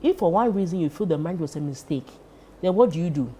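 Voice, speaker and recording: A woman's voice: fairly low pitch, animated, fast, dark tone, slight background noise. A woman on a talk panel, giving firm advice and repeating her points for emphasis. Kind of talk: casual chat.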